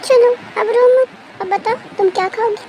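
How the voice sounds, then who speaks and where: A woman's voice: very high-pitched, moderate pace, warm tone, a little hiss or hum, pitched above the performer's own voice, poor audio. A woman voicing a caring motherly aunty who soothes and coaxes, but turns firm. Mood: soothing.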